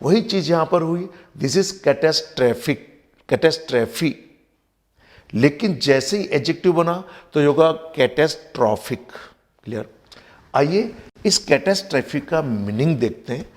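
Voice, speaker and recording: A man's voice: on the high side, animated, normal speed. A man with an Indian accent teaching English vocabulary in Hindi, spelling words letter by letter and mixing in English terms. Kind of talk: recorded vocabulary lesson.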